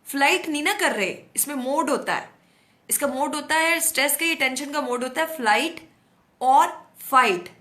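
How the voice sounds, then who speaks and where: A middle-aged woman speaks in a somewhat high, hoarse voice, talking straight to her audience. She is outspoken and animated, and she slips English words into her sentences. The recording sounds echoey, as if made in a bare room without a proper microphone. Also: normal speed. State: hoarse throat. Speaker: host. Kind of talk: casual monologue to camera.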